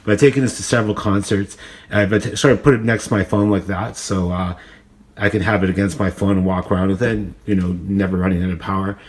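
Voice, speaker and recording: An amateur reviewer demonstrates a gadget at a kitchen counter indoors, filmed on a nearby phone camera that's held or propped up. His voice is low and fairly even, his pace quick, and he rambles unsure of himself, thinking aloud without a script.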